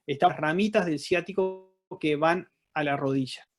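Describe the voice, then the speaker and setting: A man who is an anesthesiologist, answering audience questions in a webinar over a video call whose audio keeps cutting out. He speaks in a slow, halting, technical way. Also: a little high, faint music behind. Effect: choppy, cutting-out video-call audio.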